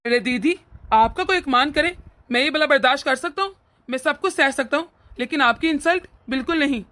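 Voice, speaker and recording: A woman's voice: high voice, fairly bright tone. A woman voicing a hot-tempered young husband and doting brother in a cartoon. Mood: remorseful. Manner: earnest, quick to anger. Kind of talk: cartoon voice acting.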